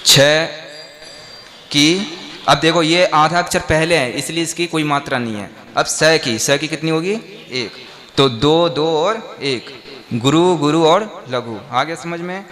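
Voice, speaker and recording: A man's voice: a little high, slow pace, fairly bright tone. A man, a monk, teaching a class on verse meter, breaking words into syllables and quizzing his listeners.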